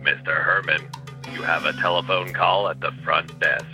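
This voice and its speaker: A man putting on a male hotel desk announcer, paging a guest in a soft, flat voice. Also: low voice, moderate pace, soft background music, voice pushed down. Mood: formal.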